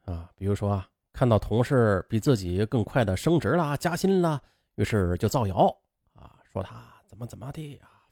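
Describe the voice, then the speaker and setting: A man narrating a true-life story and commenting on it in a chatty way, full of drawn-out filler particles. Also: mid-range voice, darkish tone, dry recording, studio quality.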